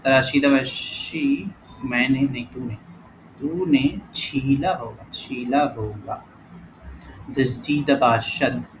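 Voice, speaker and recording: A language teacher, male and medium-pitched, leads a casual lesson, thinking aloud through the exercises, often correcting himself and reading example words out slowly. The recording has clear background noise.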